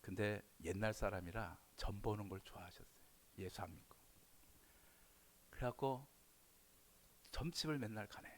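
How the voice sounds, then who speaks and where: A male pastor preaching a sermon in an animated way, swinging between loud emphatic bursts and quiet asides. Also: fairly low pitch, normal speed, long pauses, slight background noise.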